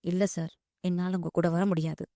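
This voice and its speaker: A woman's voice: fairly low pitch, flat delivery, moderate pace, warm tone, no room sound, clean studio sound, natural voice. A woman voicing a proud young woman who answers firmly and respectfully. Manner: firm and respectful, calls him "sir". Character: proud young working woman, firm and hurt.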